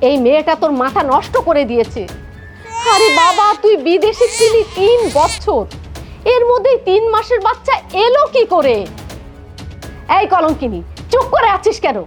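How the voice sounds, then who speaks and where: A woman's voice: very high-pitched, big pitch swings, moderate pace, faint music behind. A woman with a Bangladeshi accent playing a harsh, accusing middle-aged mother-in-law in a melodramatic film, scolding and haranguing. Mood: indignant, demanding. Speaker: actor. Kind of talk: melodramatic short film acting.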